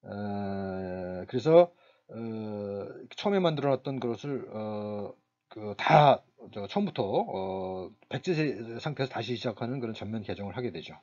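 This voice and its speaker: Halting male lecturer, slightly dull sound. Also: on the low side, animated, a little mellow. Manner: halting, many fillers and restarts. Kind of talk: recorded university lecture.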